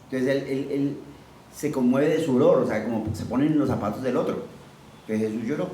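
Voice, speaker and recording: A man's voice: medium pitch, fairly quick, warm tone, far from the mic. Man, preacher, teaching sermon, questions to listeners, roomy echo, faint background noise.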